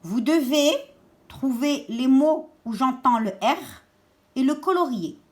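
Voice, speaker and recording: A woman teaches a lesson to young children in a fairly high voice. She speaks very slowly and deliberately, stressing single sounds and repeating each word twice. She gives calm step-by-step instructions. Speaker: schoolteacher.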